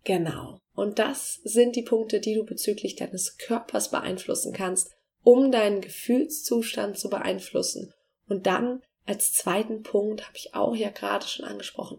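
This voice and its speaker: A woman giving self-help coaching tips step by step, speaking straight to the listener and often pausing on fillers. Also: medium pitch, creaky, warm tone. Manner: explains in steps, addresses the listener directly; filler-heavy, frequent restarts.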